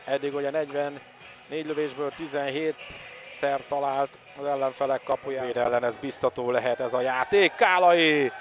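A man giving excitable live water polo commentary, openly behind the home side. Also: mid-range voice, soft background music. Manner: excitable, partisan home-side commentary, swelling at attacks and goals. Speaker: sports commentator.

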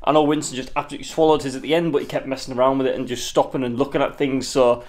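A man's voice: medium pitch, little pitch movement, racing, darkish tone. A man talking casually to his viewers as the host of a homemade pet video. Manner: addresses viewers informally as "guys". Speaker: video host filming pets. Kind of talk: casual vlog talk to viewers.

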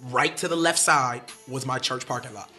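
A young man from Connecticut, a rapper guest in a casual interview, telling a story with animated emphasis and slang. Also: mid-range voice, normal speed, music in the background.

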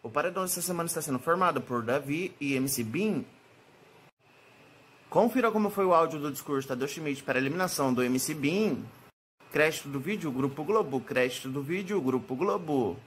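A man's voice: fairly high pitch, animated, a little fast, slightly rough. A young man on his phone, introducing and closing his channel's video casually and asking for likes. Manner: upbeat, pleading for likes and subscribers. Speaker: YouTuber.

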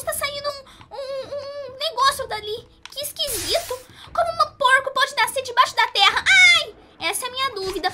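A woman voicing a bubbly, excitable young female cartoon pony while giving squealy, exclamatory gameplay commentary. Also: extremely high pitch. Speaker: gaming youtuber. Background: game music playing clearly.

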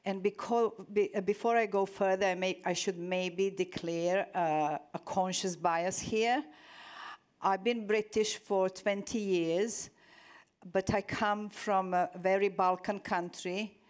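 A woman in her fifties from Serbia speaking earnestly on a conference panel, halting as she searches for words. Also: mid-range voice, steady tone, clean tone. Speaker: panelist, media institute director. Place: conference stage, large hall.

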